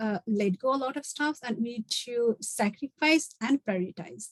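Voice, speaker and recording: A Bangladeshi woman in her late twenties, a guest speaker on a video call, gives an earnest online talk and switches between Bangla and English mid-sentence. Her fairly high voice has lively intonation and moves a little fast, and the recording is rough but free of room sound.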